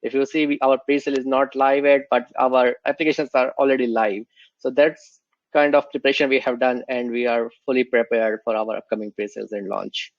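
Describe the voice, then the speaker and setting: A man's voice: medium pitch, level tone, a little fast, no echo, lo-fi sound. A man with a cold, answering interview questions as a guest, earnest and explanatory. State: has a cold.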